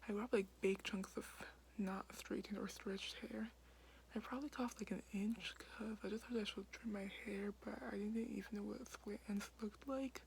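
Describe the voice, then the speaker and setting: Young woman whispering in a basement at night, kinda gravelly, lots of likes and ums, faint hiss behind. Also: medium pitch, fairly even intonation, normal speed, low-quality recording. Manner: whispering quietly, many fillers like "like". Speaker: vlogger. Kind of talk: casual whispered vlog.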